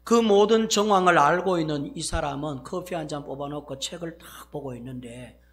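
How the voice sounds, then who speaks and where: A male pastor with a Gyeongsang accent preaching a sermon, acting out exclamations and swinging from loud bursts to hushed asides. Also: fairly high pitch, normal speed.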